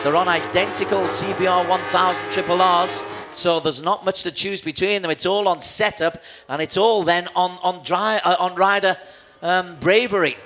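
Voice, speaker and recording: A man's voice: high-pitched, fairly even intonation, normal speed, a bit bright, soft background music. A man working as a motorsport commentator, calling a live motorcycle race with dramatic play-by-play.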